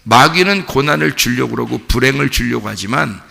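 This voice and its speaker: Gravelly Korean pastor preaching a sermon. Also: male voice, medium pitch, lively intonation, brisk, bright, forceful tone, long reverb tail. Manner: earnest, conversational, asks the congregation questions. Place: church sanctuary.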